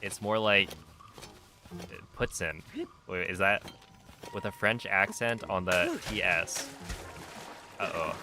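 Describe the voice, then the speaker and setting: Slow, deep-voiced man chatting on stream. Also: fairly even intonation, over music. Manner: rambling, easygoing, reacting to chat messages. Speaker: speedrunner streaming a game. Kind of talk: casual live-stream chat.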